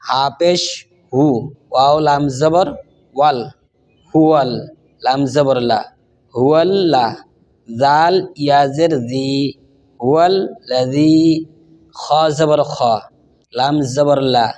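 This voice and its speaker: A man with a Bangladeshi Bengali accent teaches Quran reading at a very slow, deliberate pace. He spells each syllable aloud, then sings the word back in a slightly raised voice. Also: on the high side, a little mellow, slight background noise. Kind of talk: slow spelling-out recitation lesson.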